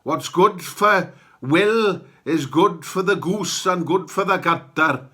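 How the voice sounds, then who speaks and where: A man acts out a solemn North Walian sidekick from a comic podcast. The North Wales accent is sonorous and portentous, with slow phrasing and a bright, forceful tone at a slightly raised pitch. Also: slightly rough, full character voice. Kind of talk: comic podcast character dialogue.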